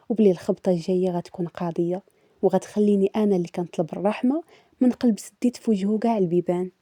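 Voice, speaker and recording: A woman's voice: medium pitch, mellow, dry recording, clean studio sound. A woman with a Moroccan accent narrating a first-person confession story in a dramatic, brooding way.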